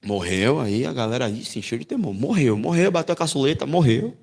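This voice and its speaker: A man from Brazil teaching a Bible class in a church as pastor, animated and acting out voices. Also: fairly quick, creaky. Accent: Brazilian Portuguese. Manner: animated, acts out voices with big pitch jumps. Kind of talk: sermon-style Bible lesson.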